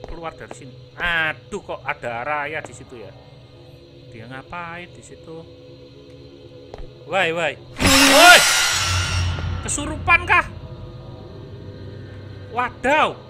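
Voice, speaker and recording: A man streaming a horror game live, chatty and apologetic, breaking into startled shouts. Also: fairly high pitch. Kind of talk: live gameplay commentary. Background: game music.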